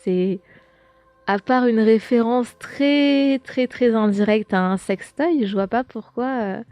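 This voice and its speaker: A woman's voice: fairly high pitch, takes it slowly, dark tone, dry recording, soft background music. Young woman, chatty podcast host, filler-heavy talk, dry close sound. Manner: chatty, lots of fillers and restarts. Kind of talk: casual chat reading viewer comments.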